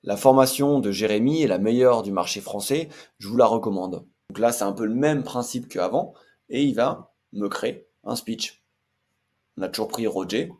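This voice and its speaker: A man's voice: fairly low pitch, moderate pace, darkish tone. A man hosting a casual screen-share tutorial, chatty and hesitant with frequent fillers. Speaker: tech tutorial host.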